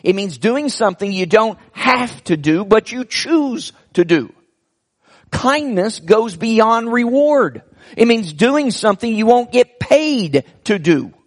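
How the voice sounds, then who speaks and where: Speaking in a high-pitched, very animated voice, this man preaches as a pastor. He still moves slowly and deliberately, pausing earnestly and dropping softly into prayer.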